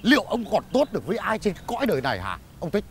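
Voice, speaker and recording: A man's voice: high voice, wildly swooping pitch, very fast, slightly rough, full character voice. An actor playing an aggrieved, hot-headed man who feels cheated, talking indignantly. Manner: indignant, demanding. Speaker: comic actor. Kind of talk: comedy sketch acting.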